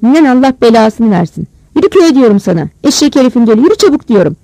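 A reader voicing a fierce, sharp-tongued old village grandmother who barks orders and scolds. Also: mid-range voice, sing-song, fast, no room sound, poor audio. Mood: angry.

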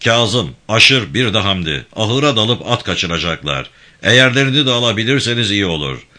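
A stern militia band leader gives orders in a voice pitched higher and louder than the reader's own, as a man puts him on. He talks in a commanding, clipped way with lively swings in pitch. The tone is bright and forceful. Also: normal speed.

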